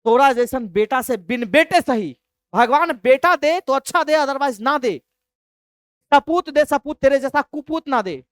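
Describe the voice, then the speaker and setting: A furious father shouts at his son, acted out by a woman telling a class story. The voice is high and recorded dry and close. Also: fairly quick, no echo, lightly acted. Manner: shouting, scolding.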